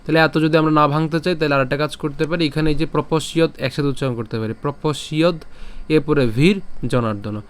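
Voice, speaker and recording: A man teaching Sanskrit pronunciation, breaking verses into syllables and chanting them slowly. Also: a little high, steady tone, fairly bright tone, clear, resonant tone. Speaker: Gita recitation teacher.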